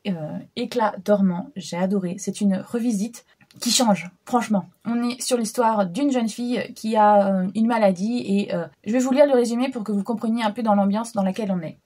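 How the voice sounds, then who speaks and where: A woman's voice: mid-range voice, moderate pace, warm tone. A young woman giving a casual book review, chatty and full of hesitations, talking straight to her viewers. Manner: chatty, lots of hesitation fillers, addresses viewers directly.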